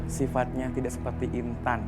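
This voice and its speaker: A man giving a mystical reading as a TV psychic, in terse, portentous phrases with pauses. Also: mid-range voice, completely flat delivery. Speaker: psychic palm reader on a TV show. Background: loud dramatic music.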